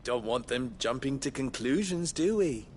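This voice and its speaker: A man's voice: mid-range voice, expressive, a little hiss or hum, natural voice. A man playing a smug, swaggering young merchant in a mocking, pompous, theatrical period fantasy drama style. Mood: taunting, gloating. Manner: mocking, pompous, drawn-out delivery.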